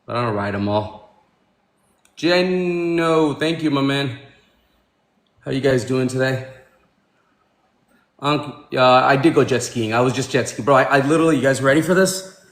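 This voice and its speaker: A Pakistan-born man in his forties hosts a casual livestream chat from a room at home, calling people "bro" and "my man." His medium-pitched voice moves at a moderate pace with frequent pauses, and the room is echoey.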